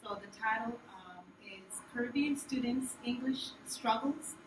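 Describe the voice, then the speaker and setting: A woman born in Jamaica and raised in New York gives an earnest research presentation to a room, with frequent ums and soft, trailing phrase endings. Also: a little high, measured pace. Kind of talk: conference presentation. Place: conference room. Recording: echoey room, distant mic, background noise.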